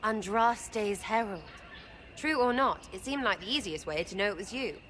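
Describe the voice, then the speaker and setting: A woman with a fairly bright, mid-range, close-to-everyday voice plays a cheeky, irreverent young thief archer in a video game cutscene, speaking with lively intonation at a moderate pace. Her delivery is brash, mocking, slangy and crude, over a little hiss or hum.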